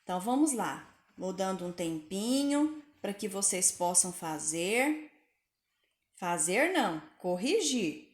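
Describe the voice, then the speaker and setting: This woman's voice is medium in pitch with big swings up and down. She's teaching Portuguese spelling to pupils in a recorded lesson, clear and patient, slowly sounding out each word in an echoey room.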